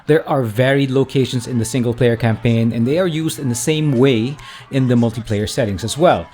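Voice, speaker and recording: A man's voice: medium pitch, fairly quick, darkish tone. A man giving a casual video game review as a voice-over, conversational and often correcting himself mid-sentence.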